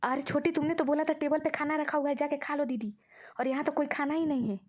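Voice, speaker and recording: A woman's voice: high voice, fairly even intonation, fast, natural voice. A woman voicing a complaining aging woman who pretends to be forgetful in a cartoon. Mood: indignant. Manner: complaining, whiny. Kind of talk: cartoon voice acting.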